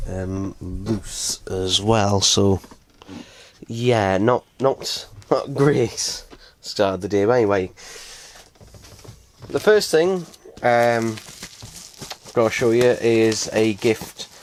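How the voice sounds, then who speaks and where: Rambling man with a low voice. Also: a little hiss or hum. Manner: rambling, swears casually, many fillers. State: in pain after a fall. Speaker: unboxing vlogger. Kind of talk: casual unboxing vlog. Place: small room at home. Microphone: close desk microphone.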